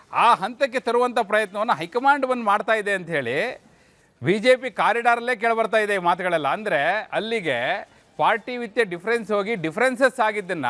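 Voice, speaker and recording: A man discussing political news in a lively, storytelling way, full of rhetorical questions. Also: high voice.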